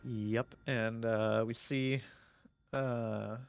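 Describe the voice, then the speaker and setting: A man giving live esports draft analysis, chatty and opinionated with many fillers, his voice going hoarse. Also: medium pitch, fairly even intonation, drawn-out words, faint music behind. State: losing his voice.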